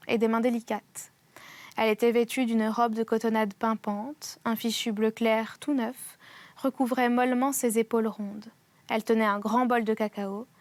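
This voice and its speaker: A woman with a fairly high voice reads a classic novel aloud in a measured, gentle way. The recording is close and dry. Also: dry recording. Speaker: reader of a literary podcast.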